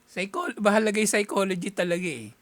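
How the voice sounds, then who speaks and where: A man from the Philippines giving a casual, animated talk, chuckling often and acting out little exchanges as he explains. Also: sits high, fast, no room sound.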